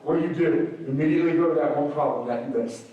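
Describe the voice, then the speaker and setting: A slightly hoarse man giving an energetic motivational speech to a school assembly, swinging between loud peaks and soft asides. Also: on the high side, quick pace, distant mic, phone-quality sound. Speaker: motivational speaker. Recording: very echoey hall, recorded from afar.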